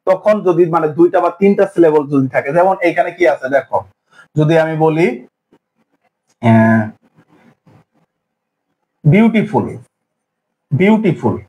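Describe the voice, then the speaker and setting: High-voiced teacher drilling grammar rules. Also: male voice, a little mellow, low-quality recording. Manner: drills with repeated questions and answers. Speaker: English teacher. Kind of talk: exam-prep grammar lesson.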